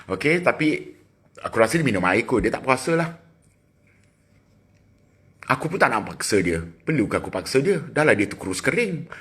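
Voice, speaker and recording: A middle-aged man with a Malaysian accent, chatting casually with viewers on a phone livestream, teasing and quick with asides. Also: mid-range voice, a bit bright, husky. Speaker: livestream host. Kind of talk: casual live chat with viewers.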